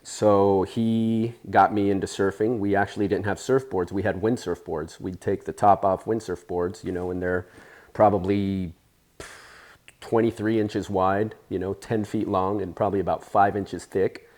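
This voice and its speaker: A man in his forties, raised in Spain, telling stories in a relaxed interview with plenty of fillers and restarts. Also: low voice, moderate pace. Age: 40s. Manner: easygoing, rambling, with many fillers. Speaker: interview guest, surfer. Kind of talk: casual storytelling interview.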